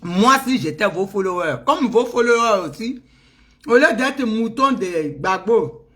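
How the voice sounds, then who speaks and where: A woman's voice: mid-range voice, expressive, a little slow, fairly bright tone. A middle-aged woman with an Ivorian French accent, ranting in a casual, teasing way and laughing often. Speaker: vlogger. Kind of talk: casual mocking rant.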